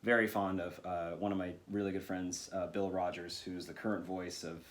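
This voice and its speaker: A man speaking as a voice actor guest in a casual interview, relaxed and thoughtful, rambling with lots of fillers. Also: low voice, normal speed.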